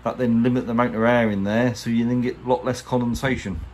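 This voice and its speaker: A man with an English accent talks fast in a medium-pitched, slightly mellow voice with little pitch movement. He's a boat restorer giving a chatty, colloquial hands-on tutorial in a casual, plain-spoken manner. The handheld workshop recording has clear background noise.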